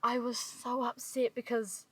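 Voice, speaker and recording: A woman reviewing a film in casual podcast chat, animated and emphatic, swearing when frustrated. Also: a little high, a little slow, breathy edge, dry recording, poor audio. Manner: animated and emphatic, swears, frank about her fears. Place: inside a car.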